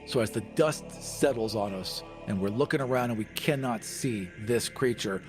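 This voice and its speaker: With a voice on the low side and a moderate pace, a man casually describes his characters' moves in a tabletop roleplaying game. Faint background music can be heard behind him.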